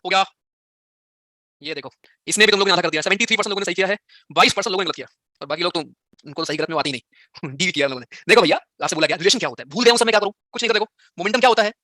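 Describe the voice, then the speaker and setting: Male teacher, very fast speech, bright sharp voice, dry close sound, teasing and scolding. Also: sits high, no room sound. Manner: teasing, scolds students by turns. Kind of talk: live online exam-prep class.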